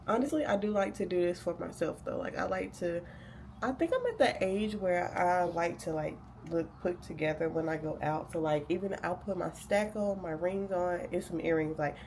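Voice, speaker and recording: In a relaxed day-in-the-life vlog, a young woman who is a graduate student talks while getting ready to study, nasal from a cold, chatty and loaded with fillers. Her pitch is fairly low and a little mellow, her speed normal, with a faint hiss or hum.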